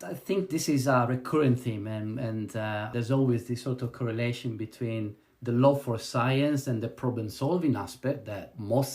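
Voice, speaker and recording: A man hosting a podcast, reading a polished introduction in a measured way and then asking interview questions. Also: mid-range voice, darkish tone. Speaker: podcast host.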